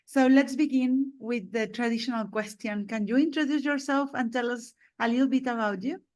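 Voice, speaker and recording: A woman's voice: a little high, normal speed, a little mellow. Enthusiastic woman podcast host. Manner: enthusiastic, repeats "this is amazing". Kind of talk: video-call interview.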